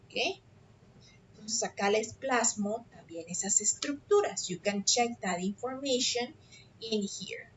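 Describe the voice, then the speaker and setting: A woman teaching an online English class, explaining an assignment patiently and often checking understanding with a quick "ok?". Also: fairly high pitch, animated, slight background noise. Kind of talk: explaining an assignment on a video call. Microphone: computer mic on a video call. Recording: dull lo-fi video call audio.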